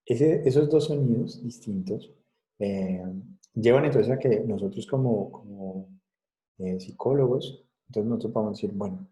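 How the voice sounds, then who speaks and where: Very dark-voiced male lecturer. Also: mid-range voice, low-quality recording. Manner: explanatory, checks understanding with frequent tag questions. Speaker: psychology lecturer. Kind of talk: recorded class lecture.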